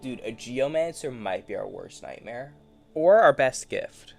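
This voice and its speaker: A man talking to himself in a loose, rambling way. His pitch moves around a lot. He sounds playful and easily amused, with faint music under his voice. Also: animated, measured pace, vocal fry. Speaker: gaming streamer. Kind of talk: casual solo commentary.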